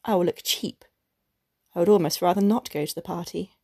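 Resentful, impatient young wife, voiced by a woman storyteller; husky edge. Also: fairly low pitch, fairly quick, a little mellow. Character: discontented young wife longing for luxury.

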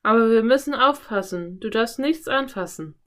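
A woman's voice: medium pitch, animated, moderate pace, close to an everyday voice. A woman voicing a cautious, bookish young boy in a storybook reading. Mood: earnest. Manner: earnest, worried exclamations.

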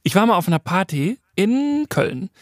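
A man's voice: high-pitched, sing-song, normal speed, no echo, clean studio sound. A man around forty co-hosting a casual podcast chat, joking and acting out the people in his stories. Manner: joking, acts out quoted people. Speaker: podcast co-host.

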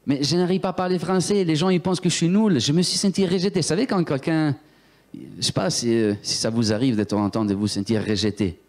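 Animated preacher man. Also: fairly high pitch, a little fast. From Italy. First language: Italian. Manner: animated storyteller, acts out voices, talks to the congregation. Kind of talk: sermon with personal testimony.

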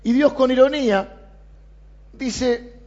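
A man with a Rioplatense Spanish accent, preaching a sermon and reading scripture aloud with animated emphasis. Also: very high voice, slow pace. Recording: dull lo-fi sound.

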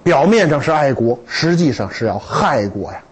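A man lecturing to students in a lively, humorous way, with stories and rhetorical questions. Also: fairly high pitch, normal speed, husky, poor audio.

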